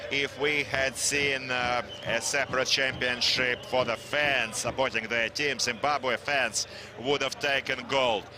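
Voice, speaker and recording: A man's voice: mid-range voice, fairly even intonation, unhurried, background noise. A man giving a live English translation voice-over of sports commentary, hesitant, with frequent fillers and restarts.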